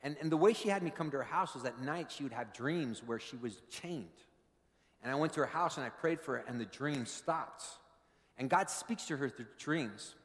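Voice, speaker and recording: A man's voice: medium pitch, moderate pace. Fervent male pastor preaching in a reverberant hall. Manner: animated, builds to fervent preaching. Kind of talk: sermon with storytelling. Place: church sanctuary. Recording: long reverb of a large hall.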